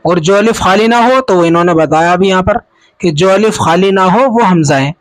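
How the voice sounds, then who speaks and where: A man teaching Quran reading in a patient spoken lesson, spelling out syllables slowly and asking and answering his own questions, with a Pakistani Urdu accent. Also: sits high, poor audio.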